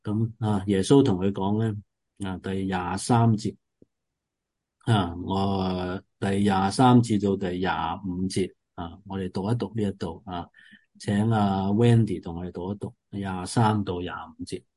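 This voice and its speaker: A man preaching in an earnest, explanatory way as he leads a Bible study, often stopping on drawn-out filler sounds. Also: sits low, fairly even intonation, warm tone. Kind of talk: Bible teaching sermon.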